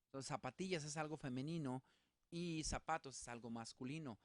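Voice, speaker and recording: A man teaching a Bible study in a relaxed spoken way, working through examples with many fillers and restarts. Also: fairly high pitch, a little fast, no echo.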